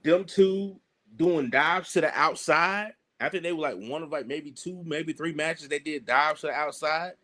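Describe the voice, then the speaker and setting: A man's voice: a little high, normal speed, sharp tone. A man telling stories casually and animatedly in colloquial speech, acting out the exchanges he quotes. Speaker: pro wrestler telling stories.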